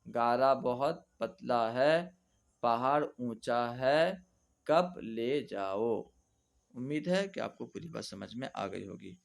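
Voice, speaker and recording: A man teaching Urdu reading, spelling words out letter by letter and then reading them slowly and patiently. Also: mid-range voice, animated, vocal fry. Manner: patient explaining teacher, often says "theek hai". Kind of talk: slow spelling-out lesson.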